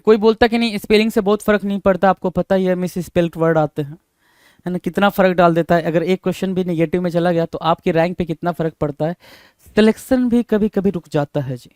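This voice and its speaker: A man teaching English idioms for exam preparation, mixing Hindi and English. He repeats each phrase slowly and keeps putting rhetorical questions to his students. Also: sits high, darkish tone, clear, resonant tone, dry recording, clean studio sound. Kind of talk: exam-prep lesson.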